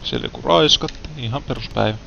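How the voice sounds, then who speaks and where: A man's voice: medium pitch, creaky, bright, forceful tone, muffled recording, a little hiss or hum. A young Finnish man giving casual gameplay commentary, with frustrated outbursts and English words mixed in. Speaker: gaming let's player.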